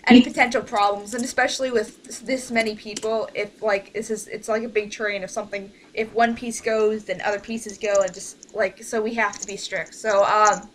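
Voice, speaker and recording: In a noisy amateur voice-call recording, a mid-range female voice with fairly even intonation moves at normal speed with few pauses. She's a director leading an informal online meeting of her voice cast, yet her speech is hesitant and rambling, often trailing off.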